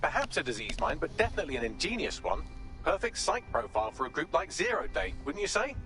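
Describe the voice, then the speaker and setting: A man's voice: a little high, very animated, fast talker, sharp tone, faint music behind, exaggerated voice. An actor playing a witty, cheeky male AI assistant in video game dialogue. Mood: wry admiration.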